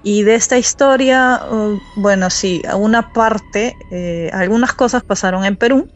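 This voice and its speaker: A Peruvian woman in her forties tells a personal story over a call, her voice soft and hesitant, full of pauses and restarts. Her voice sits at an ordinary middle pitch, and the audio comes through dull and muffled, like a remote call. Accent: Peruvian Spanish. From Peru. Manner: soft, halting, with fillers and restarts. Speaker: caller telling a true story.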